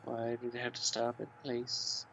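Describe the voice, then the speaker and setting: With a medium-pitched, monotone delivery and some vocal fry, this man reads a visual novel's text aloud at a normal speed while streaming, joking around and baby-talking the on-screen cats. His tone is a bit bright. Faint music and slight noise sit under a dull, lo-fi recording.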